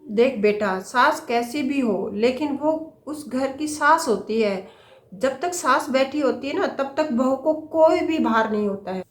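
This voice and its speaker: A woman's voice: high-pitched, lively intonation, unhurried, reverberant. A woman playing a middle-aged mother who patiently lectures her daughter with homely advice. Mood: advising.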